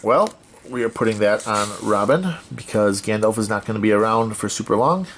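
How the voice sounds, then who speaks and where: A man's voice: on the low side, fairly quick, a bit bright, slight background noise. A man hosting a let's-play of a solo card game, thinking aloud as he reads out card text and corrects himself as he goes.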